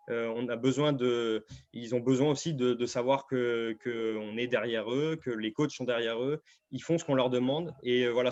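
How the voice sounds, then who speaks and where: A man who coaches American football, talking casually on a video call with many fillers and restarts. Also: mid-range voice. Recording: muffled video-call audio.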